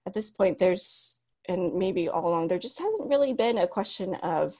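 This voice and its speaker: Speaking at a moderate pace in a lowish, animated voice, this US-based author in her thirties recounts her story as an interview guest. Cantonese is her first language, and she reflects aloud, restarting frequently, saying um a lot, and laughing softly.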